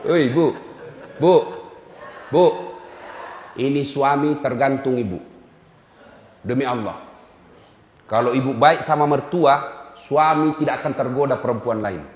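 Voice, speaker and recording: Animated preacher, echoey hall. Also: male voice, medium pitch, measured pace, pauses often, a little hiss or hum. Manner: animated, teasing, calling out to the audience. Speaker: Islamic preacher. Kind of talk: humorous sermon.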